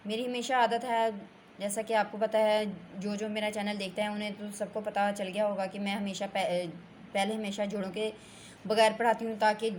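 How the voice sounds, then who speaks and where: A woman with a mid-pitched voice gives a Quran reading lesson. She talks patiently and draws out her words, repeating syllables for her learners. A faint hiss sits under the recording. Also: a little mellow. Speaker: Quran recitation teacher. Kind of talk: slow step-by-step lesson.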